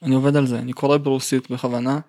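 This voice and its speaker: Creaky-voiced man with a Russian accent. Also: medium pitch, little pitch movement, warm tone, no echo, clean studio sound. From St Petersburg, Russia. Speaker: musician, interview guest. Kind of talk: casual interview talk.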